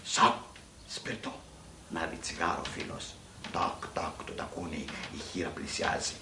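A man's voice: low voice, level tone, gravelly, roomy sound, background noise. A man telling a comic story down the phone, mocking and acting out scenes with sound effects. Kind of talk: comedy monologue.

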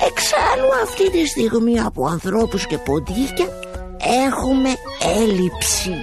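A woman's voice: fairly high pitch, very animated, over music. A woman voicing a lazy, chatty male bookshop cat who narrates the story, playful and meowing.

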